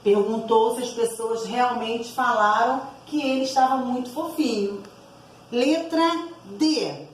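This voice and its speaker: A woman teacher reads through exercise answers aloud for her class, explaining each one and often adding tag words to ask for agreement. Her voice is on the high side and slow. The audio is poor, with an echoey room and a little hiss or hum.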